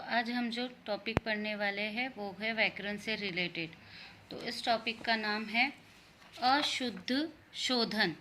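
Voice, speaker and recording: A woman with a bright, clear voice sitting slightly high in her range teaches Hindi grammar to young schoolchildren. She explains patiently and repeats each word slowly so the pupils can follow. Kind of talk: online grammar lesson for children.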